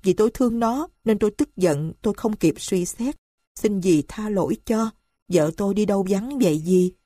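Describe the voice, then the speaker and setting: A woman's voice: medium pitch, normal speed, mellow, no echo, natural voice. A woman voicing a rash young husband full of grief and remorse, pleading and tearful.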